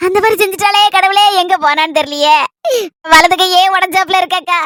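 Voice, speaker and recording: A woman's voice: extremely high pitch, steady tone, brisk, fairly bright tone, dry recording, clean studio sound. A woman with a Kanyakumari Tamil accent, performing a one-person village comedy skit in a lamenting, complaining manner.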